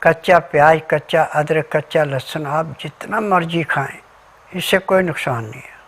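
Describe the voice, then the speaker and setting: A man's voice: a little high, normal speed, fairly bright tone. A man giving an instructional health talk as a remedy advisor, methodically listing ingredients and diet rules step by step.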